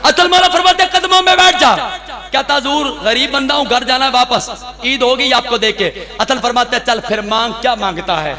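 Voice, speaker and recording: Male preacher, very high voice, acts out the stories and rouses the gathering, echoey hall. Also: normal speed. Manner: acts out the voices in his stories, calls the crowd to answer. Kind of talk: religious speech at a gathering.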